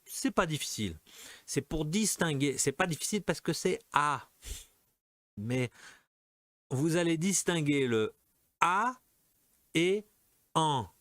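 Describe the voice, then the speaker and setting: Male language teacher, unhurried and patient, dry close sound, keeps checking in with students. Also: fairly high pitch, fairly bright tone, no room sound. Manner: patient, checks in often with "d'accord?". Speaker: French teacher. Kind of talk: language lesson, correcting exercises.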